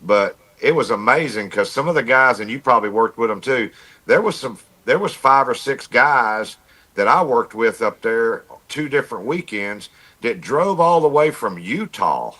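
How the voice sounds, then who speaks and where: An amateur radio operator guesting on a livestream tells stories casually in the chat, repeating himself as he goes. He is a plainspoken man with a folksy manner, and his medium-pitched voice is expressive and sharp in tone, at a moderate pace.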